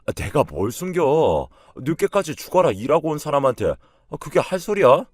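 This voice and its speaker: A man voicing a defensive, arrogant husband who snaps back loudly and dismissively at his wife in a read-aloud story. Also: on the high side, sing-song, normal speed, no echo, voice pushed up. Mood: indignant. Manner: loud, indignant and dismissive.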